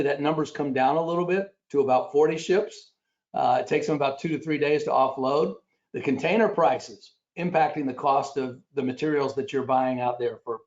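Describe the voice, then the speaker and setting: A man with a raspy voice giving a conference presentation, pausing often with fillers as he reads statistics off his slides. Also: mid-range voice, a little mellow. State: raspy after illness. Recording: dull lo-fi recording.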